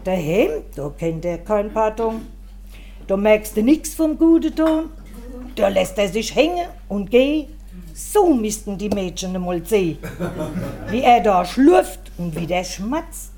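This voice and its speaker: A woman delivering a rhymed comic monologue in a wry, deliberate way. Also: medium pitch, very animated, dark tone. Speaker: comedian. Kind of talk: rhymed comic monologue about her husband.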